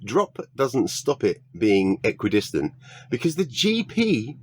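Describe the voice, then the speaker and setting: A man's voice: medium pitch, very animated, unhurried, darkish tone, slightly rough, no room sound. A British man giving a sarcastic, exasperated commentary rebuttal, swearing often. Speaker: YouTube debunking commentator.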